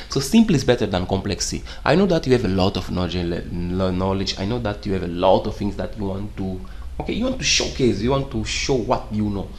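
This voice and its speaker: In a relaxed screen-share coding lesson, a young man whose native language is Portuguese rambles through in English with non-native grammar, asking "okay?" again and again. He sounds on the low side with a darkish tone.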